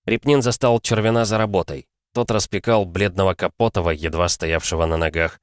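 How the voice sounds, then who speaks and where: A man narrating an audiobook in a steady, measured reading. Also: sits low, clean tone, no echo, studio quality.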